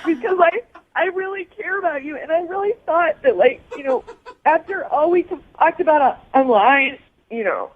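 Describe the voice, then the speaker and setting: High-pitched woman caller, tearful and halting, tinny phone line. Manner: halting, apologetic. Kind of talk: phone call on a radio show.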